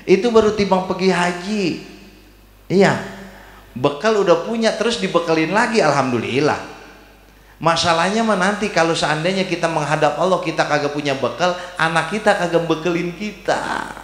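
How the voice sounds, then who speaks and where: Joking preacher in echoey mosque. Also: male voice, fairly high pitch, normal speed. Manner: joking, lively, colloquial, teasing the congregation. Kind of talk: humorous sermon. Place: mosque hall. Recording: echoey mosque hall with long reverb.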